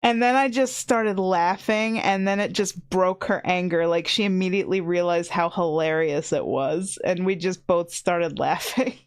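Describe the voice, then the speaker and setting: A woman's voice: lowish voice, fairly even intonation, moderate pace, hardly any pauses, clean tone. A woman in her thirties chatting casually on a stream, rambling with lots of "like" and frequent laughs. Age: 30s. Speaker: VTuber streamer.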